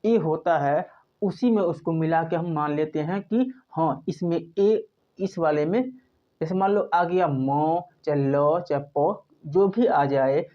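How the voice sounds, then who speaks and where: A male teacher from India speaks, explaining a lesson step by step. He repeats himself patiently and keeps posing questions that he then answers. The recording sounds dull and lo-fi. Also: a little high. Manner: patient, repeats points, asks and answers his own questions. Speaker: English teacher. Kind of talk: spoken classroom lesson.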